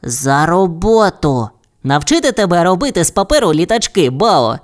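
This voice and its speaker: A woman voicing a curious, clever little boy bunny in a children's audio fairy tale, with a bright, eager delivery. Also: lowish voice, sing-song, moderate pace, pitched above the performer's own voice. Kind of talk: storybook character voice.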